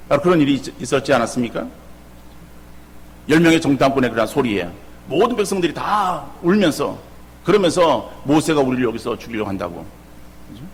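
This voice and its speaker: A middle-aged man pastor preaching a sermon with lively rhetorical questions. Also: medium pitch, slightly rough, in a large hall. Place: church sanctuary.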